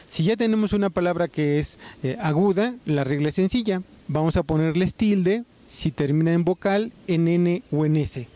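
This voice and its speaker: A man with a Mexican Spanish accent teaches in a patient, explanatory way, often pausing on "este" and "eh". His voice sits a little high but sounds mellow and warm. The delivery is unhurried and methodical. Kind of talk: spoken writing lesson.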